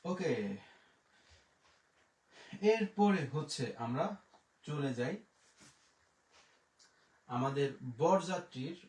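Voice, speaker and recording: A man with a slightly high voice teaches a live French lesson. He spells each word letter by letter and repeats it slowly for his students. He stands away from the mic, so his voice comes from far off in an echoey room. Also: animated, a little mellow. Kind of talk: live online language lesson. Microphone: distant. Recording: roomy echo, voice from far off.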